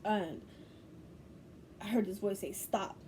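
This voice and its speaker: A woman's voice: medium pitch, brisk, warm tone, a little hiss or hum. A young woman from Bangladesh, a spiritual teacher, telling a personal story to camera in a loose, profane, laughing way.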